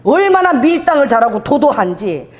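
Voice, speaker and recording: A woman pastor delivering a sermon in an animated, conversational storytelling manner. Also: high voice, normal speed, long reverb tail. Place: church hall.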